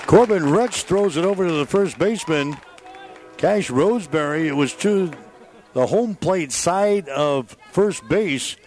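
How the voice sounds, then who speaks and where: A man's voice: on the high side, animated, measured pace, a little mellow, faint music behind, some chatter behind. A man giving live radio play-by-play commentary on a baseball game.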